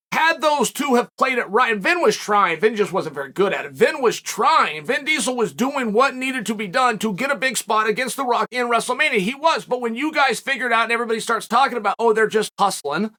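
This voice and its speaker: This solo commentary host, a man in his forties, works from a dark studio set, speculating and storytelling in a lively, emphatic way. His voice is very high.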